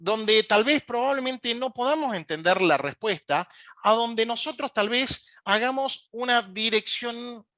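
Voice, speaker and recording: Bright-voiced Argentine man lecturing. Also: extremely high pitch, a little slow, dry recording. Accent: Argentine Spanish. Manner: asks the audience frequent check-in questions; frequent hesitation fillers. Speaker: emergency communication instructor. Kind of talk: recorded lecture.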